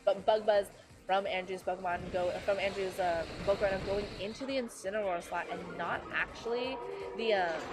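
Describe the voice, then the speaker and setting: Tired woman casting a game live. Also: mid-range voice. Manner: chatty, filler-heavy, quick self-corrections. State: tired, losing her voice. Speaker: esports commentator. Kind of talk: live play-by-play commentary.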